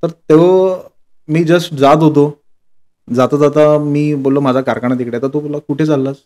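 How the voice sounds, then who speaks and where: A man's voice: fairly high pitch, normal speed. A man who is a sculptor, chatting casually in a podcast interview and telling stories with quoted dialogue. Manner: relaxed storytelling with quoted dialogue. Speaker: sculptor guest.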